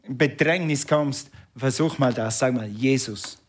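A man preaching a sermon as pastor, animated and drawing his congregation into call and response. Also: mid-range voice, unhurried.

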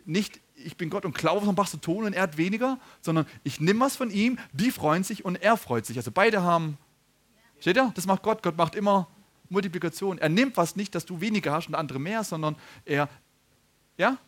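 A man's voice: high-pitched, animated, fairly quick, a bit bright. A man preaching a sermon, telling stories, laughing and asking the congregation questions.

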